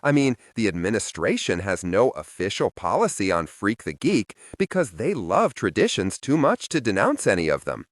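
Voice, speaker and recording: A man narrating a first-person audiobook in a wry, expressive storytelling manner, close to the microphone. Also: fairly low pitch, moderate pace, hardly any pauses, no room sound.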